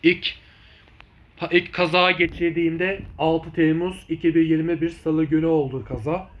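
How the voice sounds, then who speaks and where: A man giving informal vlog commentary on his videos in a rambling, repetitive, halting way. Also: fairly high pitch, level tone, lo-fi sound. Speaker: video channel host.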